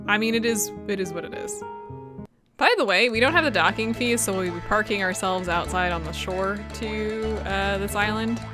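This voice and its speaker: A woman's voice: mid-range voice, moderate pace. A woman casually commenting on gameplay as a let's play host, chatty and full of joking asides. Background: game music.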